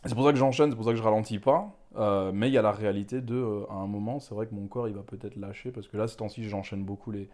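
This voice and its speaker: A man's voice: fairly low pitch, fairly even intonation, fast, few pauses, darkish tone. A young man from Ghana, a manga author, talking candidly and reflectively in an interview, rambling with frequent filler asides. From Ghana, West Africa.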